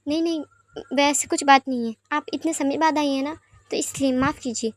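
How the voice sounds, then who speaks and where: A woman's voice: sits high, brisk, no room sound, clean studio sound, natural voice. Woman voicing a nervous, polite palace maid. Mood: deferential. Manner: deferential.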